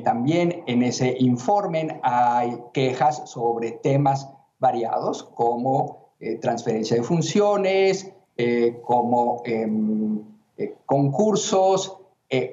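A man speaking in a measured, official tone, pausing and hesitating as he works through his answers. His voice is dark and mellow at a middle pitch. He is heard over a dull, muffled remote line that sounds roomy. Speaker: interviewee, human rights commission president. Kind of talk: formal remote interview answers.

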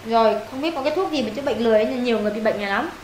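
A woman races through a casual English homework session in a slightly high, somewhat mellow voice, firing questions at her pupil and scolding and teasing his mistakes. Slight background noise joins the faint ambience of the echoey room.

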